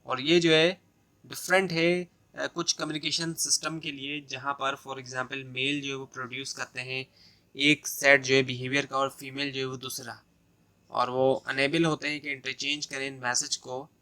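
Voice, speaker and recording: A man's voice: medium pitch, little pitch movement, normal speed, sharp tone. A man with a Pakistani accent giving an exam-prep lecture, explaining step by step and restating his points with many "so" and "uh" fillers. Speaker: tutor.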